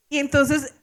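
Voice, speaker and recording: An animated middle-aged woman pastor, speaking with a Colombian accent in a high-sitting voice, shares a story from the pulpit. Laughter and exclamations run through her telling.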